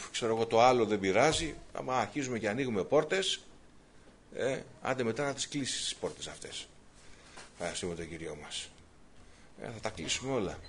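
A man preaching a sermon, swinging from loud exhortation to quiet asides, with repeated rhetorical questions. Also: on the low side, slight background noise.

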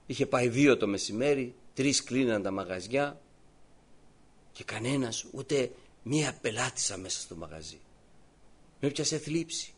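A man preaching a sermon, moving between quiet storytelling and loud, fervent proclaiming. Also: mid-range voice, expressive, long pauses, breathy edge. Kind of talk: evangelical sermon.

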